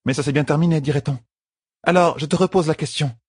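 A man voicing a poised, teasing young queen in an audiobook, with a husky tone and composed delivery. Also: fairly high pitch, fast talker, darkish tone, no echo, clean studio sound, voice pushed up. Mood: wry. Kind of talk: audiobook character voice.

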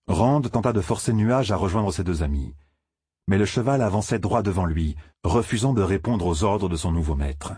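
Deep-voiced man reading a story. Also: a little mellow, slightly rough, no echo, clean studio sound. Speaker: audiobook narrator. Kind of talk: scripted narration.

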